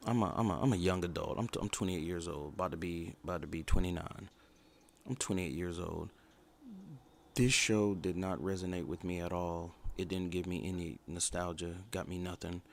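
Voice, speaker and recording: A man's voice: sits low, fairly even intonation, moderate pace, gravelly. A man in his twenties giving a casual livestream review in a blunt, opinionated, rambling way. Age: 20s. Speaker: show reviewer.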